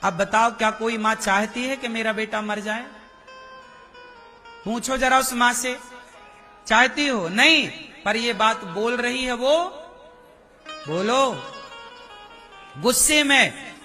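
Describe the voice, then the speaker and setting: Male preacher, very high bright voice, slow sermon delivery with questions to the crowd. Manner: slow, questioning the audience, acts out quoted speech.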